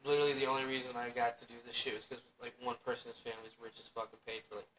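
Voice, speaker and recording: A man's voice: mid-range voice, flat delivery, rapid-fire, fairly bright tone, slight background noise. A man in his twenties hosting a podcast, joking crudely and swearing in casual chat. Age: 20s. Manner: crude joking, swears a lot, laughs often. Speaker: podcast host. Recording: roomy echo.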